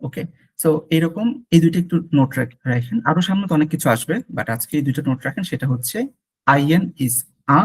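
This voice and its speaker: A man with a higher, expressive voice, darkish in tone and breathy, speaks fast while teaching French pronunciation online. He patiently repeats sounds for his student, switching between Bengali and English.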